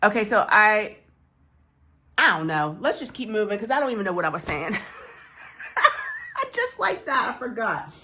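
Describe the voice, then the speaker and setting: Her mid-range voice is sing-song, bright, and forceful with a breathy edge, at normal speed with frequent pauses. The savings challenge vlogger is stuffy from a chest cold, rambling casually and self-deprecatingly to camera as she fills savings envelopes.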